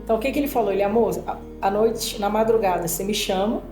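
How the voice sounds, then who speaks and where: A woman with a medium-pitched voice and quick pace chats casually, her Brazilian Portuguese accent audible as she tells a personal story. She narrates animatedly with many fillers, and the sound is roomy with music behind.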